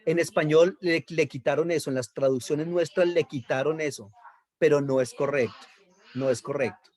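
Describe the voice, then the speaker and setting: A man's voice: fairly high pitch, normal speed, a little mellow. A man teaching a Bible lesson on Hebrew accent marks, explaining patiently, repeating key terms and checking in with his listeners.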